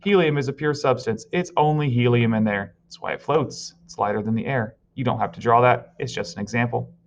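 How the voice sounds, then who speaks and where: A man's voice: medium pitch, a little fast. A male teacher giving a recorded virtual science lesson, explaining step by step and telling students what to write down. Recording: slightly dull lo-fi audio.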